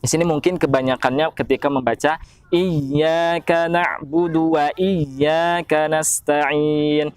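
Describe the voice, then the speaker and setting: Indonesian guy teaching quran reading, pretty high voice, really slow chanted examples. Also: steady tone, clean tone. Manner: slowly chants example verses between plain explanations. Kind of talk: tajwid lesson with slow recited examples.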